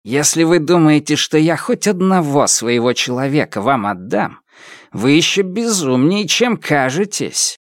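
A man reading an audiobook, voicing a defiant older village headman with a high, sneering voice. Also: sing-song, unhurried, dry recording, clean studio sound. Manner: sneering, pitched up high, shouting when angry. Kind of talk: audiobook character voice.

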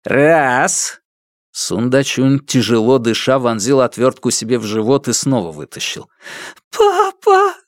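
A man reading a crime novel aloud as narrator, in an expressive, dramatic manner. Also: mid-range voice, normal speed, few pauses, no room sound, clean studio sound.

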